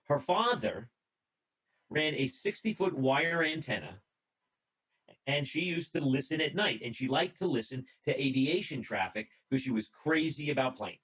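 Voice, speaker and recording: A man's voice: a little high, expressive, normal speed, a bit bright, breathy edge, poor audio. A man giving an illustrated presentation to a radio club over a video call, telling the story in a conversational way and reading out notes, with small restarts. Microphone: computer mic on a video call.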